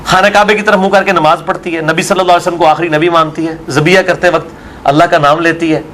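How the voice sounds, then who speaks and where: A man's voice: fairly high pitch, steady tone, fast talker, fairly bright tone, a little hiss or hum. A man, a religious scholar arguing his view in an interview and asking rhetorical questions. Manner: argumentative, full of rhetorical questions.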